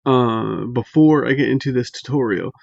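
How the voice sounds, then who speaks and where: A man giving a casual, unscripted tutorial in a halting, hesitant way, pausing mid-phrase, recorded on a laptop microphone. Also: medium pitch, gravelly, darkish tone, no room sound, dull audio. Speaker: magic tutorial host. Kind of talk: casual unscripted how-to explanation. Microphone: laptop built-in mic.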